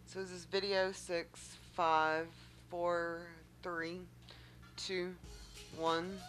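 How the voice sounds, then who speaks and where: A woman's voice: lowish voice, flat delivery, drawn-out words, a bit bright, soft background music, low-quality recording. A woman directing a live television show, calling out camera numbers and cues in short terse words. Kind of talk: calling camera shots in a control room.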